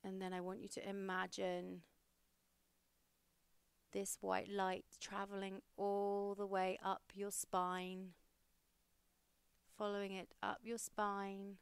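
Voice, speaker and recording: Slow, smooth-voiced woman guiding meditation. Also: mid-range voice, no echo. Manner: slow, soothing and steady. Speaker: meditation guide and podcast host. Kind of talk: guided meditation.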